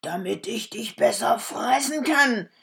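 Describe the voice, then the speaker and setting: A cunning, hungry wolf from a storybook, played by a woman reading aloud, loud and coaxing. The voice stays slow and a little breathy, rising and falling as he sweet-talks his prey. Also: fairly low pitch, expressive, heavily acted. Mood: sly. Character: sly hungry wolf posing as grandmother.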